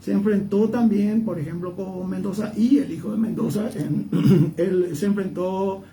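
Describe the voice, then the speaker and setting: Heard through a noisy, distant mic, a Paraguayan-accented guest chats about history in a digressive way, often seeking agreement with tag questions. His mellow voice sits high, with fairly even intonation and a measured pace.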